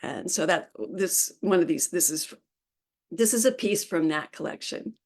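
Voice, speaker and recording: This woman, a poet, reads her poems aloud before a live audience, her delivery unhurried and deliberate. Between pieces she offers tentative remarks, and her pitch sits fairly low.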